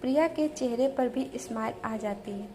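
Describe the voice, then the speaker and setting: A woman reading a romance novel aloud as a storyteller, in slow, even narration. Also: on the high side, background noise.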